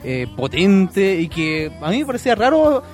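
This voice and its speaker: A young man with a Chilean accent, co-hosting a casual radio music chat, relaxed and agreeable. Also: sits high. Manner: relaxed, agreeable, quick interjections. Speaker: radio co-host. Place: radio studio.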